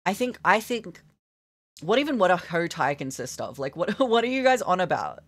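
A woman's voice: on the low side, very animated, normal speed. A young woman streaming while she draws, chatting to her viewers in a giggly, gushing way. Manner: giggly, gushing, talks to chat. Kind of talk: casual live-stream chat while drawing.

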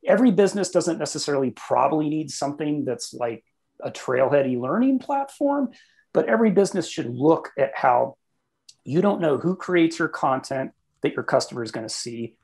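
A conference speaker answering audience questions over a video call, talking in an animated, emphatic way. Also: medium pitch, fairly quick. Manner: animated, emphatic, laughs between points. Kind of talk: casual Q&A answer.

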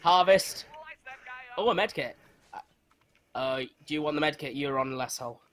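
A young male gamer with a slightly high, somewhat bright voice talks at an unhurried pace with a teammate during a multiplayer game. It's excited gameplay chat, full of jokes, swearing, and shrieks whenever things get tense.

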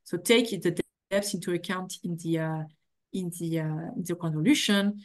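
Middle-aged woman, academic lecturer on webcam, lowish voice, hesitant with many ums and restarts. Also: fairly even intonation. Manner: halting, many fillers and restarts. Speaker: keynote speaker. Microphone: video call webcam.

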